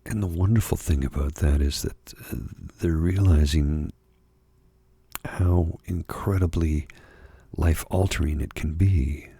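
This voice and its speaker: A middle-aged or older man with a husky, gravelly voice gives a soft-spoken, confessional ASMR monologue, confiding in a halting, reflective way. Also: very deep voice, dry recording. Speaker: ASMR host.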